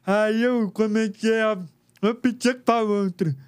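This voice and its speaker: Guesting in a casual interview, a lip-reading man from Rio de Janeiro speaks with careful, uneven, artificially learned pronunciation. His voice is high, clear, and resonant, with a steady tone and an unhurried delivery.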